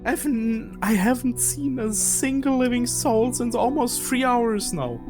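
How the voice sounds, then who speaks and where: A man voicing a jumpy young male night security guard with a shaky, shouting manner, as game master in a tabletop game. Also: very high voice, a little slow, pitched above the performer's own voice. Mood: rattled. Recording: music bed underneath.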